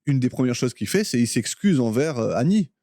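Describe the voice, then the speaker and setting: A man's voice: medium pitch, a little fast, no room sound, clean studio sound. A man co-hosting a podcast, chatting casually about a film and acting out quoted lines as he goes. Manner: animated, acts out quoted lines in character voices. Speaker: podcast co-host.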